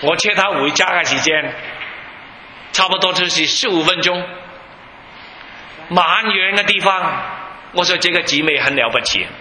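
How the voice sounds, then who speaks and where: A man preaches to a congregation, his high, piercingly bright voice ringing through a long, echoey hall. He presses his points hard and keeps firing questions at the listeners. A faint hum sits under the recording. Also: normal speed, pauses often. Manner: emphatic, keeps asking the audience questions. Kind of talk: sermon with Bible teaching.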